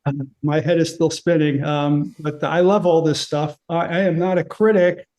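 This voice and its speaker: Higher-voiced man reading his paper. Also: fairly even intonation, normal speed, darkish tone. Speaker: conference presenter. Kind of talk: reading a prepared paper aloud.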